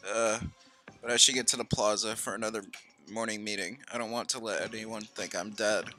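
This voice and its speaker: A man's voice: on the low side, fairly even intonation, brisk, pushed and bright. A man streaming a game, narrating casually and thinking aloud as he reads. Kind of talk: let's-play narration.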